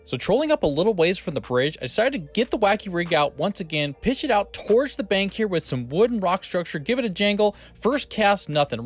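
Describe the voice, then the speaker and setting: A man in his thirties hosting a fishing vlog, narrating upbeat and whooping when he lands a fish. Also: sits high. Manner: upbeat, excited whoops on catches. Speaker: fishing vlogger. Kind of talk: voice-over narration and live reactions. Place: small fishing boat on a river outdoors.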